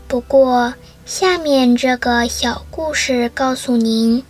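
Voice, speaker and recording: Very slow, high-voiced female storyteller. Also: faint music behind. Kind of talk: scripted story narration.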